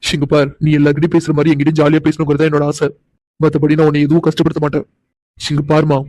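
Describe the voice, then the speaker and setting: A man's voice: on the high side, monotone, quick pace, a little mellow, dry recording, lightly acted, low-quality recording. A man voicing an insistent, doting young man in a cartoon, coaxing and pressing for answers. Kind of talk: cartoon voice acting.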